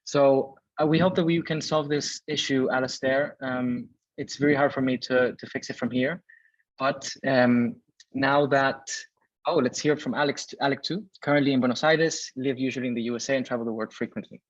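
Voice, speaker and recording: A Venezuelan man in his thirties hosts a live webinar over a video call from a home or office room in Berlin, reading out chat messages in a chatty way full of fillers. His mid-range voice holds a steady tone at a normal speed. The video call audio sounds dull and dry, with no room sound.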